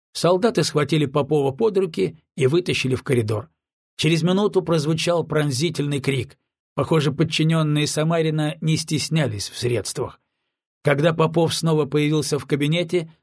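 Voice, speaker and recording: A man narrating a novel in steady, scripted storytelling. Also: a little high, no room sound, studio quality. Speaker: audiobook narrator.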